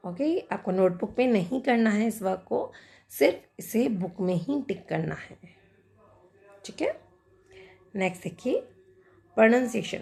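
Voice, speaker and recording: A woman teacher with an Indian accent, explaining an English lesson to young pupils and reading each English line out slowly before explaining it. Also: medium pitch, expressive, creaky, a little mellow. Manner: reads English lines very slowly, then explains.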